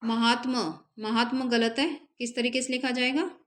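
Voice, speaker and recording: A woman teaching an exam-prep spelling lesson, repeating each word slowly and carefully so students can copy it down. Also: on the high side, steady tone, a bit bright. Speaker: Hindi teacher.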